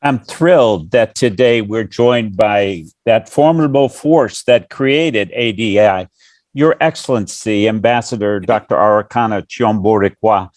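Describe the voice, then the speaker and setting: A man's voice: fairly low pitch, measured pace, a little mellow, no room sound. A man moderating a virtual conference, politely introducing and welcoming a guest speaker over a video call. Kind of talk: formal introduction.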